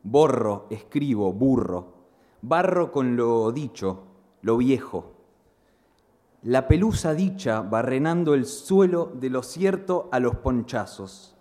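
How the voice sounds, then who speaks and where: A man reciting his own poem in a slow, deliberate, dramatic way. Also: mid-range voice, lively intonation, warm tone. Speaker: poet. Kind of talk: poetry reading. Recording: long hall reverb.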